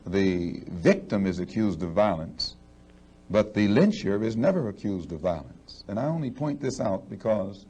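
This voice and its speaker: A man speaking in a measured, articulate interview style, deliberate, precise and firm as a movement's spokesman. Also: fairly low pitch, darkish tone.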